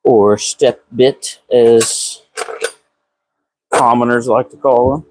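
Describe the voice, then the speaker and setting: Slow-drawling man. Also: medium pitch, steady tone, a little mellow, a little hiss or hum, low-quality recording. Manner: folksy, slangy cracker talk. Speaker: live streamer working on cars in a garage. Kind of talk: casual live-stream chat while working. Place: garage.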